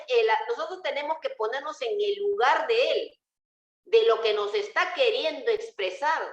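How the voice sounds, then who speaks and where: A woman's voice: a little high, dull audio. A woman teacher giving an online class. She talks patiently and often puts rhetorical questions to her students. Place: home, on a video call. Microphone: computer mic on a video call. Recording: roomy video call audio.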